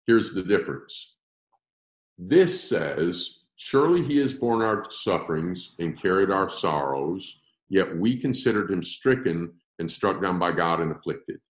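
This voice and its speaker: A man teaching a Bible class, explaining texts with emphasis and slowing down to stress key words. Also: sits low, sing-song, roomy sound. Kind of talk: classroom-style Bible lecture.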